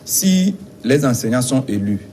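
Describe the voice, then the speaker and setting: A man from Togo representing a teachers' union, answering interview questions in a measured, insistent way with some hesitations. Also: mid-range voice, very animated, warm tone, slight background noise.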